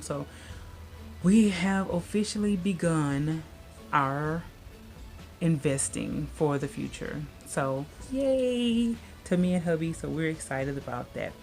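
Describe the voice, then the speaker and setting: A woman's voice: low voice, slow, faint music behind. A woman in her late thirties chatting casually to her viewers, rambling with lots of fillers. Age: 30s. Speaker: vlogger. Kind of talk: casual chat.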